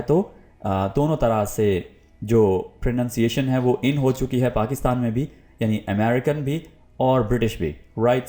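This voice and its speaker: A man, teaching English pronunciation in a video lesson and explaining patiently, repeating each word slowly. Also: mid-range voice, mellow. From Pakistan.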